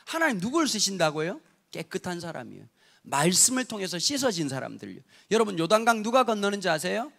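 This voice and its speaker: Man, 50s, from Busan, pastor, sermon, gravelly voice, humorous storytelling. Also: high voice, a little fast. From Busan, South Korea. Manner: lively humorous storytelling, addresses congregation.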